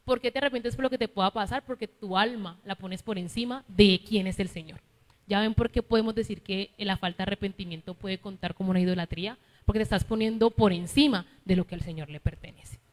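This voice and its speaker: A woman's voice: mid-range voice, fast talker, long reverb tail. A woman with a Colombian accent from Cali preaching a sermon, teaching and often asking her listeners for agreement. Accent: Colombian Spanish, Cali. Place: church hall.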